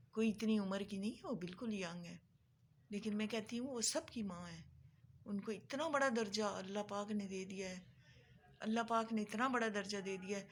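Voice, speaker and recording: A woman's voice: mid-range voice, a little hiss or hum. A woman vlogger, talking tearfully to her viewers in an earnest, pleading way and repeating phrases for emphasis. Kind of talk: emotional monologue to viewers.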